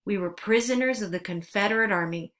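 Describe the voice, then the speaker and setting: A woman narrating a storybook aloud, steady and earnest. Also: mid-range voice, brisk.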